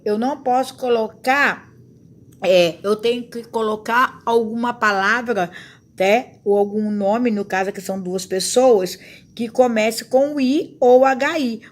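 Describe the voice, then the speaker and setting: A woman teacher with a Brazilian Portuguese accent, giving a recorded video lesson for children in a slow, patient way and checking in with the class as she goes. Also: fairly high pitch.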